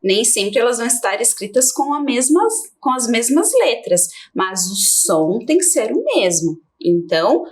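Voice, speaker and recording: A Brazilian woman teaching a televised lesson to small children, her fairly high voice rising and falling in a lively sing-song. She slows down and draws out key words so the class can follow. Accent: Brazilian Portuguese.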